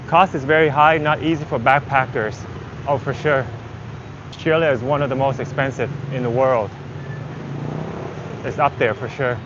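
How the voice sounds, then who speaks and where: A native Vietnamese speaker, this man uses casual, rambling English to think out loud as he walks, in the manner of a travel livestreamer. His medium-pitched, steady voice moves at a moderate pace with frequent pauses. He's outside on a busy city street, and the dull audio carries loud traffic, vehicles and urban noise.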